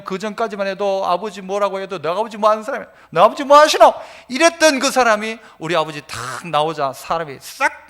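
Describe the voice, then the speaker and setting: High-pitched, bright-voiced pastor. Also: male voice. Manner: storytelling, acts out voices, swings from soft to loud. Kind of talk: sermon.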